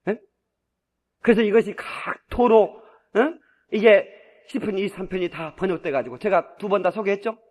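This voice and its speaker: A male pastor preaching a sermon with fervor. He swings between quiet asides and loud, shouted peaks, and he chuckles often as he makes his points. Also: high-pitched, moderate pace.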